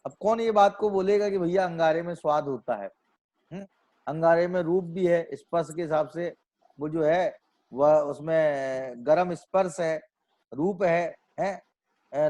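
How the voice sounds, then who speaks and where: Male scripture lecturer, slightly higher voice, works through points with rhetorical questions and repetition. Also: measured pace, darkish tone. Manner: asks rhetorical questions and answers them himself; repeats and restates phrases as he reasons aloud. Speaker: Jain scholar lecturing on scripture. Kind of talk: explanatory religious lecture.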